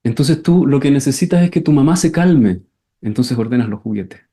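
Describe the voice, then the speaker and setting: Male teacher, mid pitch, explains calmly, then acts out scenes loudly. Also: moderate pace. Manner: acts out scenes with sudden shouted voices, repeats words. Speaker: enneagram teacher. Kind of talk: class lecture with questions and answers.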